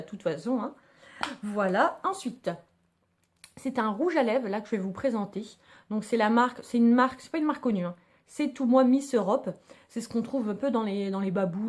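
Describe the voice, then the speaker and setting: Chatting to her viewers as "girls," a beauty vlogger eagerly reviews her favorite makeup in a casual, slang-filled way. She has a slightly mellow voice at a medium pitch.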